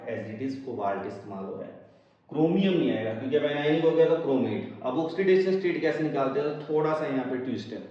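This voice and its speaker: A man teaching a chemistry class, asking his students questions and answering them himself. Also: medium pitch. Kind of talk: lecture to students. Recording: echoey room, distant mic, dull sound.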